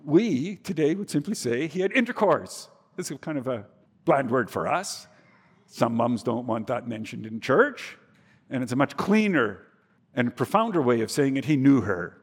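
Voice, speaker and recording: A man preaching a sermon, swinging between soft, low passages and emphatic, rising ones. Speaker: pastor. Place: church. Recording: reverberant church hall.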